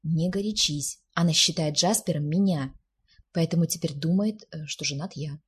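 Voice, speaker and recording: A flustered young man who sulks and grumbles in his own defence, as a woman reads him. The voice is low and very breathy, a storybook reading of a sheepish gentleman. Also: normal speed. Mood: defensive. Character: flustered young man, sulky, self-mocking.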